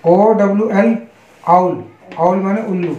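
Indian male tutor, high voice, spells words out deliberately, roomy lo-fi sound. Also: mellow. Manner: spells words letter by letter, then gives Hindi meanings; slow, deliberate, repetitive teaching. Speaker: English teacher. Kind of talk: online English pronunciation lesson. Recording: echoey, dull lo-fi room.

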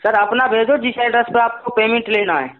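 This sales call comes from a male company phone agent whose very high voice moves briskly with fairly even intonation. He keeps pushing and saying the same things again, and the narrowband telephone audio sounds tinny.

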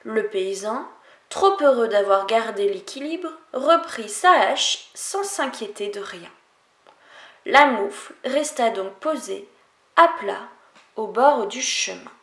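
Une enseignante lit un conte aux enfants avec une diction lente et expressive. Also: female voice, a little high, roomy sound. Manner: slow, expressive, melodic. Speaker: teacher reading aloud. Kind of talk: storybook reading for children.

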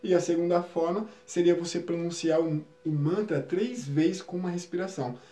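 A man guides listeners through a spiritual lesson in a calm, explanatory way, often checking in with short tag questions. His voice sits a little high but sounds mellow and soft-edged. The room around him is noticeably echoey. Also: normal speed. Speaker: spiritual teacher. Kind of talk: live-stream spiritual lesson.

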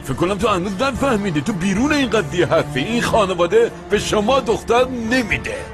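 A man's voice: sits high, very animated, music in the background. A stern, forbidding old grandfather. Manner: stern, dismissive. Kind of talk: Persian dub of a TV drama.

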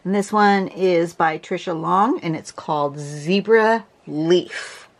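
A drawing teacher with a lowish, congested voice narrates a casual tutorial from her home desk, the camera looking down on her drawing surface. She's chatty and rambling, speaks slowly, restarts often, and keeps clearing her throat.

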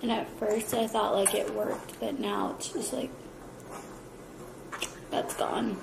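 A woman's voice: medium pitch, steady tone, slow, creaky, roomy sound, background noise. A young woman vlogging casually at home, chatty and full of fillers, nauseous and tired. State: nauseous, worn out. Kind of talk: casual vlog chat. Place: home kitchen.

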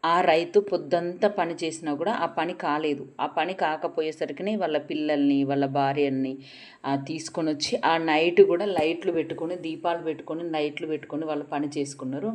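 A wise male sage from a folk tale who explains things calmly and plainly, voiced by a woman storyteller. Her voice stays low-pitched, close to her own. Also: brisk. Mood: explaining. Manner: explanatory, matter-of-fact.

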